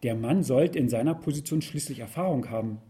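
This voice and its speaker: A man reading a first-person story aloud with wry, expressive storytelling. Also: mid-range voice, brisk. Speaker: narrator.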